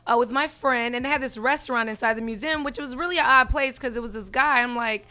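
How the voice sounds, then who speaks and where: A woman with a fairly high, bright voice that has gone hoarse. She talks quickly and casually as a co-host, animatedly relaying her stories and quoting other people. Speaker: talk show co-host. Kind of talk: casual chat.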